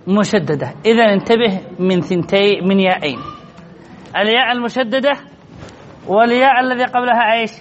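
A man with a strikingly high voice leads a grammar lesson. He quizzes his listeners and answers his own questions, repeating the key words. The recording sounds muffled and lo-fi, with a faint hiss behind him. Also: fairly quick. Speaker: grammar teacher. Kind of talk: classroom lesson on Arabic grammar. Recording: dull lo-fi recording with faint noise.

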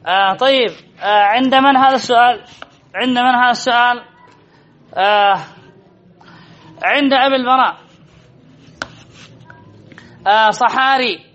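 High-voiced man quizzing a grammar class. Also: brisk, pauses often, a bit bright, muffled recording. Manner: quizzing, repeats key phrases. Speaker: Arabic grammar teacher. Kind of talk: classroom lesson with questions to students.

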